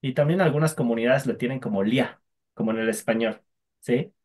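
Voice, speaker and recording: A man's voice: medium pitch, brisk, darkish tone. A man teaching a language class online, patiently drilling sounds for students to repeat.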